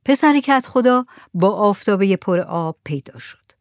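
Female storyteller, measured delivery, mid-pitched, dead-dry booth sound. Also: lively intonation, dry recording. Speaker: narrator. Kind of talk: storybook reading.

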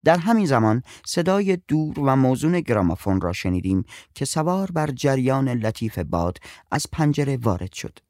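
Lively-toned male story narrator. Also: medium pitch, no room sound, studio quality. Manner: expressive, storytelling.

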